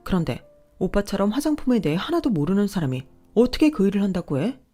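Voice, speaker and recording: A woman voicing an angry wife who yells and hurls insults at her husband. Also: mid-range voice, sing-song, quick pace, soft background music, voice pushed up. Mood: furious. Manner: yelling, scolding, sharp insults. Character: furious wife, adult woman, fed up.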